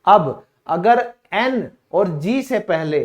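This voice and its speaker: High-voiced Indian man teaching English. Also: expressive, very slow. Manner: asks questions and answers them himself; casual and direct, calls listeners brother. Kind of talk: classroom-style lesson.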